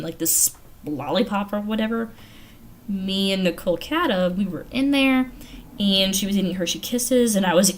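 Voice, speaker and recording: A mid-range female voice belongs to an American livestream host from the Carolinas. She chats casually and giggles through viewer comments she reads aloud, with noisy audio from her home setup.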